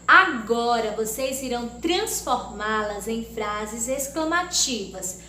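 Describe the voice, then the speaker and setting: A woman from Brazil teaching a grammar lesson to young children, speaking slowly and deliberately and exaggerating her intonation when she reads example sentences. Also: fairly high pitch, lively intonation, bright, forceful tone. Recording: echoey room with faint background noise.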